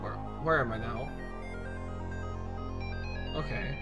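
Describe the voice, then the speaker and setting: A man's voice: medium pitch, slow, poor audio. A man playing a video game, reading the dialogue aloud and chatting casually, with frequent stammers. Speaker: gaming channel host. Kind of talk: let's play commentary. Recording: game music playing behind.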